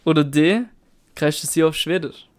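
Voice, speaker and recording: Male quiz master, dry and matter-of-fact, voice a bit higher than usual. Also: fairly even intonation, unhurried. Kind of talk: reading quiz questions.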